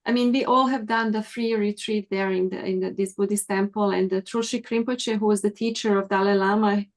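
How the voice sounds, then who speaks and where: A woman's voice: mid-range voice, fairly even intonation, brisk. A woman hosting an online session, earnestly thanking her guests with restarts and fillers over a video call. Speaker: host. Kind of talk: reflective speech to an online group.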